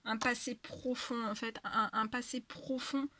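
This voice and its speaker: A woman reads tarot cards in a loose, rambling monologue, circling back on her words and filling pauses. Her voice sits a little high and sounds worn from talking for a long time. The recording is dry and close, with no room sound. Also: fairly even intonation, bright, forceful tone, dry recording. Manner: hesitant, many fillers and repetitions. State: tired voice after an hour of talking. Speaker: tarot reader. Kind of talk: casual spiritual guidance monologue.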